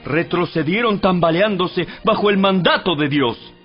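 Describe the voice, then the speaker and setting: Male narrator, high-pitched, solemn and measured, for scripted audio Bible with faint background music. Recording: dull radio-like sound with music behind.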